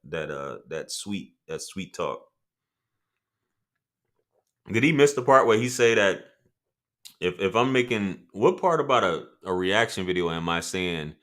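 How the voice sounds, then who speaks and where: Chat comments get read aloud by a deep-voiced man with a bit of brightness to his sound, who runs a casual livestream full of loose talk, profanity, and laughter on the side.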